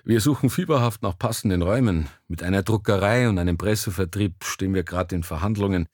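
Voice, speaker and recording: A jovial, persuasive magazine editor with a hearty, breezy way of selling his plans, as a man reads him aloud. His voice sits on the low side and sounds close and dry. He talks like a man pitching a deal to an old friend. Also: fast, a little mellow, no echo.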